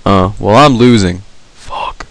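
A man on a headset giving live gameplay commentary, excitable and swearing as he shouts at the game. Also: lowish voice, takes it slowly, vocal fry. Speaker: gaming video host.

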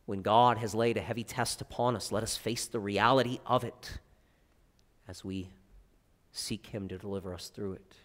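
A male pastor preaching a sermon, with expressive swings from loud emphasis to quiet, low asides. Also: moderate pace. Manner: expressive preaching with wide swings in pitch and loudness. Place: church sanctuary. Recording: long church reverb.

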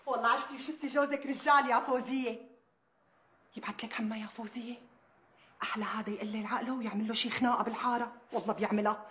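A woman's voice: fairly high pitch, steady tone, very fast, a bit bright, a little hiss or hum, close to an everyday voice. An actress with a Damascene accent playing a doting, worried middle-aged wife in a TV drama, pleading with her husband in tender pet phrases. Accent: Damascene Arabic. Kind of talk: TV series acting. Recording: slightly dull TV audio.

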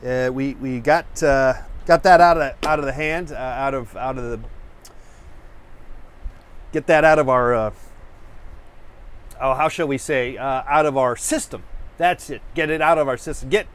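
Over-caffeinated and searching for the right words, the painting show host talks to camera in a loose, rambling style full of restarts and fillers, yet with a rousing pep-talk energy. He has a smooth, medium-pitched voice, a moderate pace, and frequent pauses.

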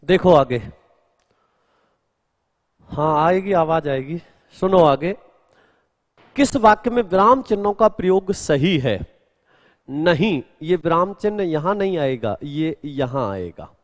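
A man's voice: on the high side, expressive, takes it slowly, long pauses, big-room sound. A male Hindi grammar teacher in a live exam-prep class, explaining answers step by step and answering students' questions.

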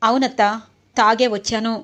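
A woman's voice: a little high, fairly even intonation, normal speed, highs cut off, natural voice. A woman voicing a defiant drunk young man.

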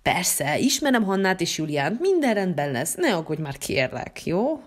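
A woman doing a low, soothing family dad. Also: big pitch swings. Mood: reassuring. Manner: soothing, reassuring. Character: deep-voiced easygoing family dad. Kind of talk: toy-figure family story.

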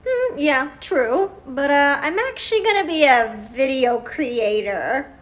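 A woman voicing a teen kid telling mom some career news, with a hesitant, sheepish manner, in an animated game skit. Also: high voice, takes it slowly.

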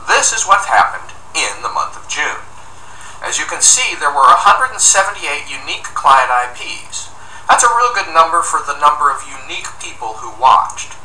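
Man explaining software steps, bright and roomy. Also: on the high side, big pitch swings, normal speed. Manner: upbeat, step-by-step explaining. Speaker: software tutorial presenter. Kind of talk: screencast walkthrough narration. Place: office room indoors, at a desk. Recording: roomy, distant mic with faint noise.

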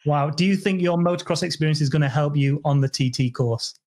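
A man's voice: on the high side, a little fast, a little mellow. A man hosting an online show, interviewing guests with jokey, upbeat questions. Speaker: host.

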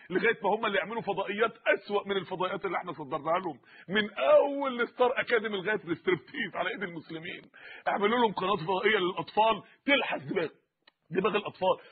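A man's voice: high voice, husky. A middle-aged man with an Egyptian accent preaching an impassioned, rhetorical sermon. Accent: Egyptian Arabic. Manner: impassioned, rhetorical, rapid-fire. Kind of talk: fiery sermon. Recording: tinny lo-fi phone-like recording.

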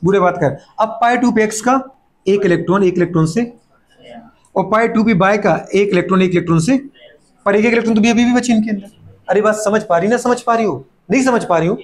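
A middle-aged man teaching chemistry to a class, firing off rhetorical questions and playfully scolding students, sometimes voicing their replies. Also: high voice. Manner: fast repeated catchphrases and rhetorical questions. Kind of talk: classroom lecture.

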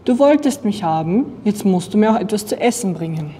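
A young woman voicing a huge, friendly, hungry blue monster in a slightly lowered, mumbling voice. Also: lively intonation, fairly quick, mellow, slightly rough, big-room sound. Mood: demanding.

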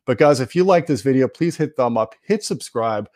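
Here the same kind of audio gear host talks at a normal speed with a medium-pitched, expressive, slightly mellow voice. He gives viewers emphatic, opinionated product commentary in a conversational way. The sound is clean studio audio without echo.

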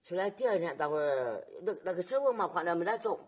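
A woman, recounting her memories in halting, repetitive testimony and often asking her listener whether they follow. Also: on the low side, animated, a little mellow, slightly rough. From Nanjing, China. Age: 80s. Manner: halting, repetitive storytelling with frequent tag questions. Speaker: survivor giving testimony. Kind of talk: oral history testimony.

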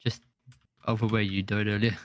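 A man chatting in a relaxed, offhand way while playing a game with a friend. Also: on the low side, moderate pace, dry recording. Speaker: streaming co-player. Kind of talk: casual chat while gaming.

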